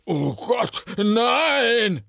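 A man's voice: sits high, very animated, slow pace, creaky, a bit bright, no room sound, clean studio sound, pitched above the performer's own voice, exaggerated voice. A man reading a children's story, voicing a vain, flamboyant male opera conductor in a theatrical, exclaiming manner. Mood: aghast.

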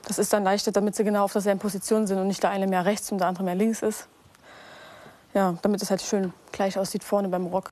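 A woman's voice: mid-range voice, little pitch movement, fast, mellow. A 21-year-old woman apprentice answering interview questions, eager and a little hesitant.

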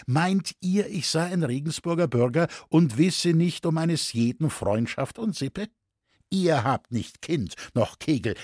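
A man reading a sneering, spiteful medieval cloth-shearer who taunts and pries, in a husky voice. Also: mid-range voice, darkish tone, no room sound, studio quality, heavily acted. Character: brash spiteful male cloth-shearer, mocking busybody.

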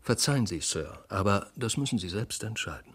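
A man reading a polite, measured young clerk. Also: lowish voice, animated, breathy edge.

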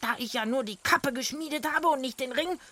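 A woman voicing a greedy, boastful male dwarf who croaks and brags, in a children's audio story. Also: high-pitched, a little fast, fairly bright tone, pitched above the performer's own voice. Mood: scheming. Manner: croaking, bragging.

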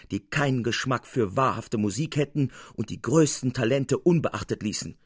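A man with a medium-pitched voice narrates an audiobook in a measured, expressive way. The sound is clean studio quality with no echo.

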